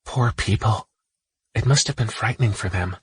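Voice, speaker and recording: A man voicing a gentle, caring young woman in an audiobook, talking softly and earnestly. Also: fairly low pitch, normal speed, breathy edge, no echo. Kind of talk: audiobook character voice.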